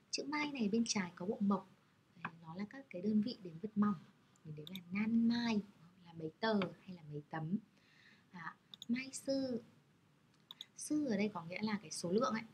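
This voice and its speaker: A woman's voice: medium pitch, a little hiss or hum. A woman teaching Japanese characters, explaining patiently in a friendly, step-by-step way. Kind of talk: explaining lesson over slides.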